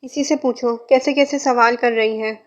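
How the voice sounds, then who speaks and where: A woman's voice: fairly high pitch, fairly even intonation, moderate pace, natural voice. A woman voicing a frazzled young mother who snaps and pleads, in a fan fiction reading. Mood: strained. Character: young mother, tearful and overwhelmed. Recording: muffled lo-fi recording.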